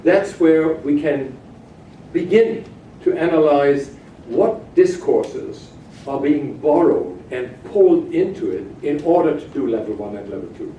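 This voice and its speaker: A man giving a halting academic keynote lecture, with frequent hesitations, in a conference room. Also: fairly high pitch, lively intonation, dark tone, dull audio. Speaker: keynote speaker. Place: hotel conference room, at a lectern. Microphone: far camera at back of room. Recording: echoey distant room recording with noise.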